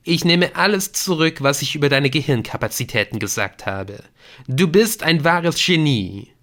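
A man's voice: medium pitch, expressive, takes it slowly, a bit bright. A man voicing a pompous, lecturing know-it-all teenage boy in a German audiobook. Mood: pleading.

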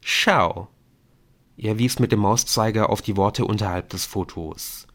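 A man reading an audiobook in calm, measured narration. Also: on the low side. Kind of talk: scripted narration.

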